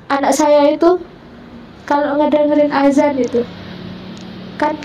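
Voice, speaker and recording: Woman guest, high, dark-toned voice, heartfelt testimony, distant mic. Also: flat delivery, unhurried, lo-fi sound, a little hiss or hum. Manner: quotes family members in her own voice, rising high when moved. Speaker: guest telling her conversion story. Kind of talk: emotional personal testimony.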